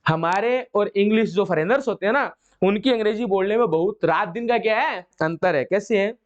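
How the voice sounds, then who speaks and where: A man's voice: high voice, normal speed, lo-fi sound. A man from India teaching English grammar to a class, explaining step by step and repeating his own questions before answering them.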